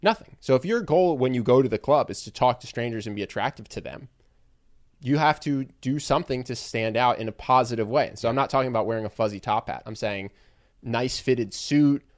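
A man's voice: mid-range voice, fairly quick. A young man co-hosting a podcast, giving direct and emphatic advice in casual chat. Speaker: podcast co-host.

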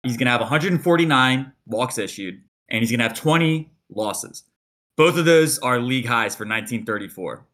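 A man co-hosting a podcast, telling a long story in a casual, animated way and acting out quotes. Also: medium pitch, fairly quick. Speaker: podcast co-host.

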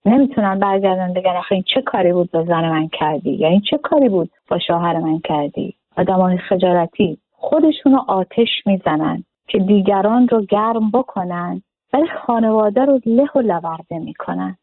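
A woman's voice: mid-range voice, dry recording. Earnest woman teacher over a phone-like line. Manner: earnest, rhetorical questions, acts out short dialogues. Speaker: spiritual teacher and counselor. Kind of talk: self-help lesson to camera. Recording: dry, phone-like narrow sound.

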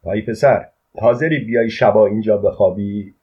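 A man doing a gruff, teasing older boss. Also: fairly low pitch, a little mellow. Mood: bossy. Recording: dull lo-fi recording.

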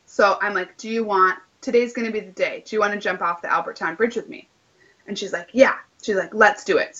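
Woman, late 20s, casual storyteller, crisp bright voice, acts out the dialogue, slightly muffled recording. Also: mid-range voice. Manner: chatty, lots of "like", acts out quoted dialogue.

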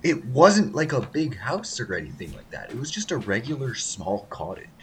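A man's voice: medium pitch, big pitch swings, normal speed, a loud crowd. A young man rambling casually in a group voice call, swearing now and then. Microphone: voice call mic.

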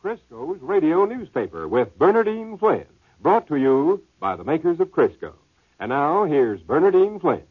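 A high-voiced American man in classic old radio announcer style from the 1940s. His pitch swings widely through emphatic, showy billing. The sound is narrow and tinny, like a vintage broadcast. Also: sing-song, moderate pace, breathy edge.

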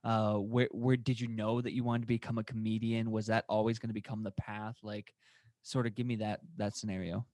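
A man hosting a podcast, chatting casually and dropping quick slang reactions. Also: fairly low pitch, level tone, darkish tone, dry recording, studio quality. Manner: friendly, hypey slang interjections. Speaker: podcast host.

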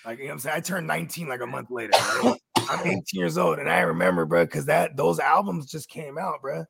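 A man in his thirties with a gravelly, husky voice, rambling through stories in casual chat as a co-host, full of "you know what I mean.". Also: on the high side, expressive, quick pace, a bit bright, dry recording, clean studio sound. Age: 30s. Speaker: podcast co-host.

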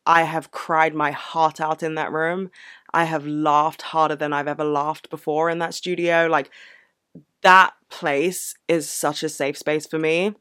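A woman's voice: deep voice, level tone, a little slow, fairly bright tone, clear, resonant tone, no room sound, studio quality. A woman vlogger telling a personal story in a candid, earnest, casual way. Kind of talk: casual reflective Q&A vlog.

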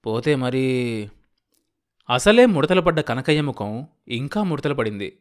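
A man reading a novel aloud in a steady, measured way as an audiobook narrator. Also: on the high side.

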